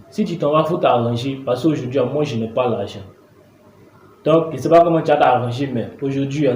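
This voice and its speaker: A man acting out an irritable father who scolds his daughter in a comedy sketch, his voice sitting a little high. He sounds exasperated and swears. The room is echoey, with a faint hiss behind him. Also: dark tone, lightly acted.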